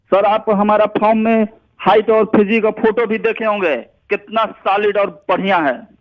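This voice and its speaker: A man's voice: high-pitched, unhurried. Boastful man on the phone. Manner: boastful, swaggering. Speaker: prank call target. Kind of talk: phone conversation. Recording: muffled phone line.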